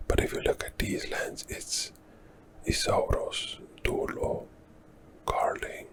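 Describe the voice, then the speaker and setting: A native Dutch speaker from the Netherlands hosts an ASMR history channel, softly whispering his way through a relaxed historical walkthrough. His whisper is gentle and unvoiced, and he takes his time, thinking out loud with fillers along the way.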